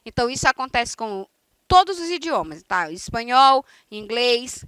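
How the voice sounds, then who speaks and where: A woman's voice: a little high, big pitch swings, normal speed, fairly bright tone, clear, resonant tone, dry recording. A woman from Brazil teaching a recorded online lesson, explaining step by step and often checking in with her students. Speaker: Spanish teacher.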